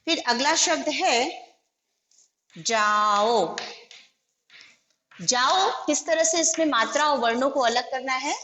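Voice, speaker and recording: In an echoey room with faint background noise, a woman teacher patiently walks through a lesson, splitting each word into its letters and vowel signs one by one. Her voice is high and a bit bright, and she talks fairly quickly with hardly any pauses.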